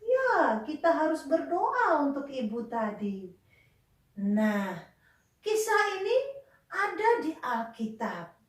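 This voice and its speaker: A woman teaching a Sunday school lesson to children, gentle and coaxing, asking them questions and sighing with sympathy. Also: high-pitched, sing-song, slow, pauses often. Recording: echoey room with faint music.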